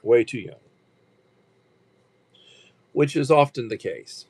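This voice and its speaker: Animated in a mid-range voice that's darkish and slightly rough, a livestream host in his sixties chats casually with no room sound around him. His talk rambles and keeps halting into restarts and fillers.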